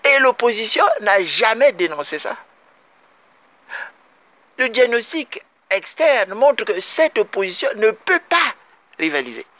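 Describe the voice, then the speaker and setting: A man's voice: sits high, very animated, measured pace, pauses often, bright, forceful tone, no room sound. A man from Congo-Brazzaville giving an emphatic political commentary monologue, repeating his points and addressing his compatriots directly.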